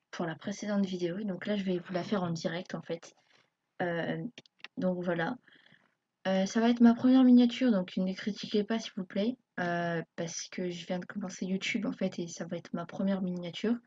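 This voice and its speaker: A woman narrates a live screen tutorial in a mellow, slightly husky voice. She hesitates often, filling pauses as a nervous beginner would. The recording sounds dull and lo-fi. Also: lowish voice. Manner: hesitant, many fillers, self-conscious beginner. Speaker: YouTube tutorial maker.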